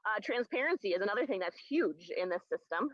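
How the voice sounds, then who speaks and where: A woman's voice: medium pitch, animated, fairly quick, dry recording. A middle-aged woman presenting as a guest on a live online call, explaining in a conversational way with frequent ums and restarts, heard over a poor internet connection. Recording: muffled lo-fi online call audio.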